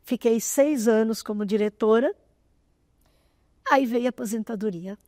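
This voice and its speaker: A woman in her sixties, a guest in an interview, telling a personal story in an animated way, often close to tears. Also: on the high side, unhurried, dry recording. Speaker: interview guest, association president.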